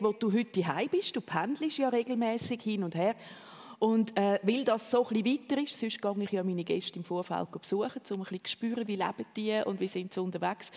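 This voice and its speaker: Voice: medium pitch, darkish tone. Curious Swiss German interview host. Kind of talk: radio interview. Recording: long reverb.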